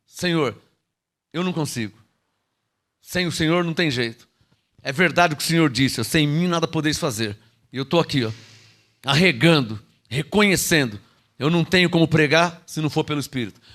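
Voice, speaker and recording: Man preaching a sermon, lively rising and falling pitch, fairly high voice, loud calls and hushed asides. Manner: preaches with dramatic swings from loud calls to hushed low asides, drawing words out; checks in with the listeners, calling out "alô?" and "irmão". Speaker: pastor.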